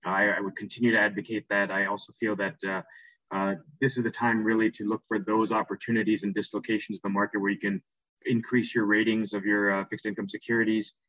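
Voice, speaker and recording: A man speaks quickly as an expert panelist, with little movement in pitch. The unscripted commentary is recorded dry and slightly muffled. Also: little pitch movement, fairly bright tone, no room sound. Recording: dull, lo-fi, dry audio.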